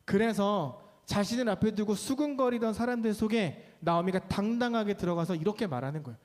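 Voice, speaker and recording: High-voiced Korean pastor in a reverberant hall. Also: male voice, brisk, a little mellow. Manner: acts out quoted speech with dramatic shifts. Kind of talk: sermon. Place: church hall.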